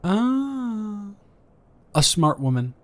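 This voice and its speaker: With a high, sing-song voice and drawn-out words, a man fully voices a character in an improvised romantic audio roleplay. He plays a flirty, playfully boastful neighbor who addresses the listener directly, teasing, stammering and rambling.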